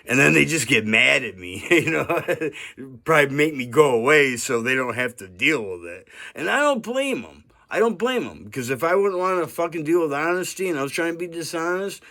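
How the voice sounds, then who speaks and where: A man's voice: on the high side, expressive, moderate pace, bright, forceful tone. A man in his fifties talking earnestly in a rambling monologue, often asking "right?" and chuckling now and then. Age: 50s. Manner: rambling and earnest, with frequent "right?" and "you know". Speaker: vlogger. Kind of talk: casual monologue to camera.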